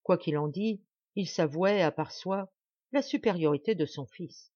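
A woman narrating a classic novel as an audiobook in a measured, expressive reading. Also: lowish voice, dry recording, lo-fi sound. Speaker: audiobook reader.

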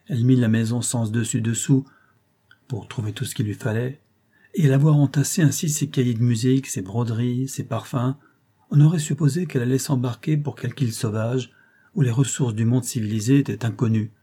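A male narrator reads a classic novel aloud in a measured, steady storytelling voice. His tone is mellow and soft, with a husky edge to it. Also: mid-range voice. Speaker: audiobook narrator. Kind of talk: audiobook reading of a classic novel.

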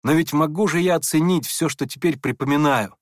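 A man's voice: fairly high pitch, brisk, dry recording, clean studio sound, lightly acted. A man voicing a meek, kind young prince who speaks hurriedly and apologetically. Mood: earnest. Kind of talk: audiobook character voice.

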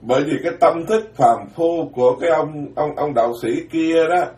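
A man, a Buddhist monk giving a dharma talk in a blunt, plain-spoken way, alternating quick asides with slow, weighty phrases. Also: fairly high pitch, a little mellow. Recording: roomy, distant mic.

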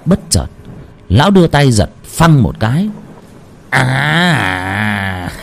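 A man's voice: mid-range voice, slight background noise. A man telling a ghost story with dramatic narration. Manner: dramatic, lively delivery.

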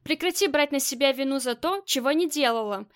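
A loyal female friend who comforts but will not back down, read by a woman in an audiobook. Her high voice turns firm and sharp. It is a storybook reading. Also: animated, brisk. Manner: soothing, then sharp and firm.

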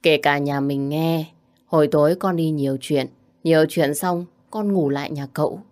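A woman's voice: low voice, fairly even intonation, moderate pace, darkish tone, close to an everyday voice. A woman voicing a cheeky, talkative teenage younger brother with a playful, teasing manner in a spoken story. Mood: chatty.

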